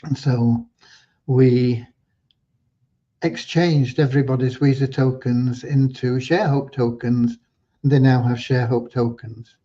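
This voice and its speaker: An older man hosting a livestream Q&A with a prayer, talking at an unhurried pace with frequent ums and restarts. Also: mid-range voice, steady tone, dark tone. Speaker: host of a community livestream. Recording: dull lo-fi livestream audio.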